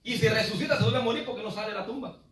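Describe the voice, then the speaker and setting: Recorded from a distance in a reverberant sanctuary, a high-voiced pastor preaches rapid-fire, sometimes wandering off the mic. He rises to loud cries, drops to low asides, and says "hermano" again and again.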